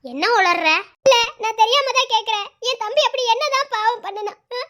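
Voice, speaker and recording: A woman's voice: very high voice, expressive, fairly quick, bright, forceful tone, exaggerated voice. A woman voicing a short-tempered young dad. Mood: angry. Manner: scolding, pleading, repeats demands. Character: exasperated young husband and father, short-tempered. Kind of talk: Tamil cartoon story voice acting.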